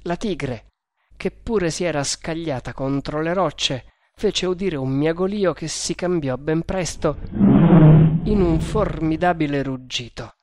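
A man reading an adventure novel aloud as audiobook narrator, in a measured, dramatic manner. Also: fairly high pitch, a little mellow, dry recording.

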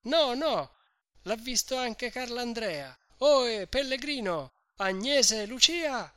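A reader voicing an alarmed crowd of village men who shout frantic questions over each other, in an audiobook of a classic novel. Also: medium pitch, lively intonation, takes it slowly, no room sound, studio quality, pitched above the performer's own voice.

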